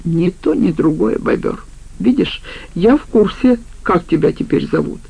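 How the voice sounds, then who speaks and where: A woman voicing a spiteful, scheming woman in an audiobook, talking in a sharp, mocking way. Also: on the low side, animated, measured pace, vocal fry, slightly rough, muffled recording, full character voice. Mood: bitter. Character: spiteful scheming woman, the criminal's former partner.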